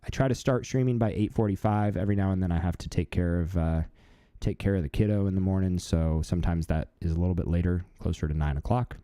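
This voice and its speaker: A man in his thirties hosting a live stream, talking in a relaxed, chatty way with lots of fillers. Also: low voice, quick pace, clean tone, no echo, studio quality. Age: 30s. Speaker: livestream host. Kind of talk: casual live-stream chat.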